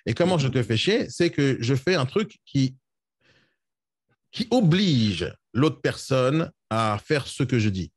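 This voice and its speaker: A man's voice: mid-range voice, sing-song, slightly rough, no echo, studio quality. A man coaching real estate agents in a live session, blunt and scolding, sometimes mocking. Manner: blunt, scolding, rapid-fire.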